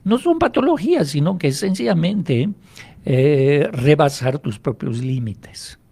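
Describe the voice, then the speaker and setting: A male hypnotherapist, a native French speaker, is a guest in a radio interview, explaining in a measured way and asking and answering his own questions. His mellow voice is fairly high, animated and slightly rough, with some vocal fry.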